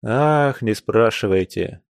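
A man reading an audiobook, voicing a weary, heartsick young man who talks slowly and reluctantly, with sighs. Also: on the low side, animated, gravelly, clear, resonant tone, no room sound, studio quality, heavily acted. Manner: slow, sighing, reluctant.

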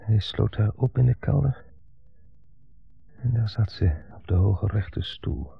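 A man's voice: fairly low pitch, unhurried, soft background music, heavily acted. An actor playing a bitter grown son dominated by his mother, delivering a brooding, intense monologue in a 1970s radio play. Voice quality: gravelly, husky. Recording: dull 1970s radio broadcast.

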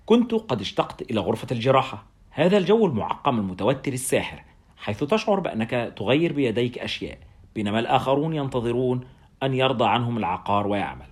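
A male narrator reads a first-person story at a fast clip. His pitch sits mid-range, and his telling stays brisk and wry throughout. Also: sing-song, slightly rough.

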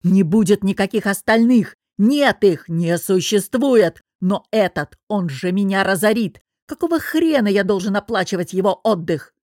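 A woman reading a story, voicing a hoarse, sick middle-aged male boss who yells at his employee. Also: lowish voice, a little fast, no echo, clean studio sound. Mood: furious. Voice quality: hoarse, shouting.

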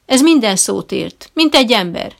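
A woman voicing a loud, bossy middle-aged male dog trainer who barks commands, in an audiobook reading. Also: sing-song, creaky, heavily acted. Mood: booming. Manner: booming, commanding, then pleading.

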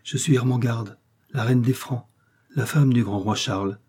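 A man voicing a frail, gentle young queen. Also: mid-range voice, moderate pace, slightly rough, close to an everyday voice. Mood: resigned. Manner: melancholy, resigned.

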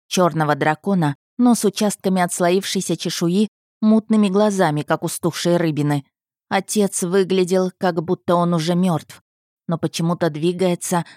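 A woman narrating a first-person fantasy audiobook in a measured, tense manner. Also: fairly low pitch, a little mellow, dry recording, clean studio sound.

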